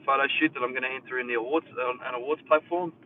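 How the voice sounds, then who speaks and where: In rapid-fire bursts, this Australian-accented hairdresser talks casually with viewers from his mother's house as an air conditioner hums, rambling through fillers and pressing hard on what matters most. His voice is mid-range and steady, captured with a tinny, phone-like, distant sound and faint noise.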